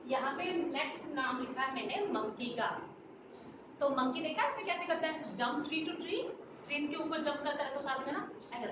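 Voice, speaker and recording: A woman, teaching a nursery class in a sing-song way, mixing Hindi and English and asking the children questions. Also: high voice. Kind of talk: children's lesson. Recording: roomy, distant, dull, noisy.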